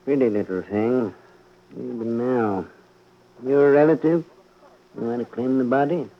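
An actor playing a matter-of-fact, callous morgue attendant with a casual manner in old radio drama. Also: male voice, mid-range voice, measured pace, natural voice. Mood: offhand. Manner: casual, offhand. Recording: dull, noisy old radio recording.

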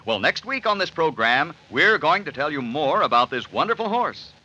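An American male old-time radio announcer delivers an enthusiastic sponsor pitch on a vintage broadcast. His voice is very bright and a little husky, swinging widely in pitch with showy emphasis. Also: poor audio. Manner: emphatic, showy salesmanship to young listeners.

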